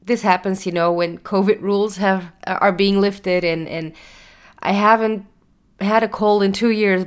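A young woman talks through her solo podcast in an easy, chatty way, her voice stuffed up and nasal from a lingering cold. Her pitch sits in an ordinary middle range, and she fills pauses with small "um"s and "uh"s. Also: smooth. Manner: chatty, with fillers and small laughs. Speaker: podcast host. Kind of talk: casual solo podcast talk.

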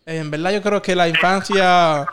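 A man's voice: high-pitched, fairly even intonation, normal speed, a crowd in the background. A young man with a Dominican accent hosting a casual podcast, talking in slang and giving firm opinions. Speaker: podcast host.

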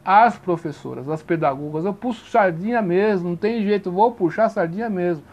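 A man teaching grammar in an informal lesson, chatty and given to checking that listeners follow, spelling sounds out slowly. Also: sits high, a little mellow. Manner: chatty, repeats 'tá compreendendo?' often; spells out sounds slowly, stressing each vowel.

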